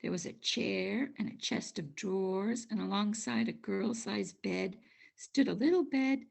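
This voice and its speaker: An older woman narrating a children's storybook aloud in an expressive, measured way. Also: medium pitch, creaky. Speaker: storybook reader.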